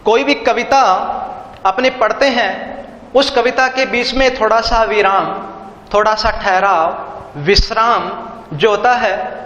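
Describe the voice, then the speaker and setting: A man teaching an online literature lesson, explaining slowly and repeating key terms with synonyms. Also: high voice, fairly bright tone. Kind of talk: online Hindi literature lecture. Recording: echoey room, dull lo-fi sound.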